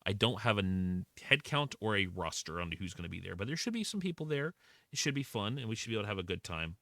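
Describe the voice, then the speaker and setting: A man's voice: lowish voice, very animated, fast talker, no room sound, studio quality. A man chatting casually with his live-stream chat while playing a block-building game, greeting viewers and joking about himself. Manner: chatty, self-deprecating, greets chat warmly.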